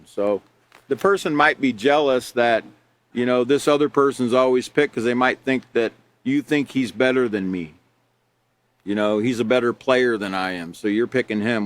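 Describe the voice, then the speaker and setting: A man teaching a live character education class, reading out examples and patiently explaining them with rhetorical questions. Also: mid-range voice.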